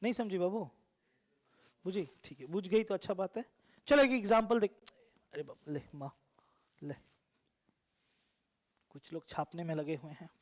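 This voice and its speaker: A man with a fairly high voice, teaching math in a classroom. He keeps firing the same questions back at the students and teases them as he goes. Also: a little fast. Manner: teasing, asks the class repeated questions. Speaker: coaching teacher.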